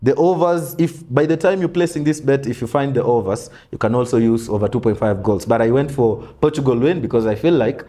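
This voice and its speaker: A young man hosting a sports betting-tips show in a small studio, running through picks in a relaxed, casual way. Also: medium pitch, fairly quick, few pauses. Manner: relaxed, lists picks with frequent "mm" backchannels. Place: small studio in front of a brick wall backdrop.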